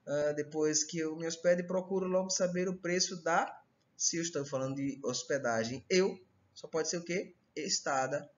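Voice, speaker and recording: A man's voice: a little high, normal speed, lo-fi sound. A man teaching a recorded online Portuguese grammar lesson with a Brazilian accent, explaining step by step and checking in with his students often. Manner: explanatory, repeats "tá?" and "certo?" checks.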